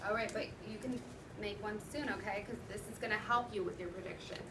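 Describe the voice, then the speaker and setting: A female teacher reads a story aloud to children in a classroom, wondering aloud and prompting them along the way. Her medium-pitched voice stays steady and runs a little fast. It's captured from a distance in a roomy, noisy room.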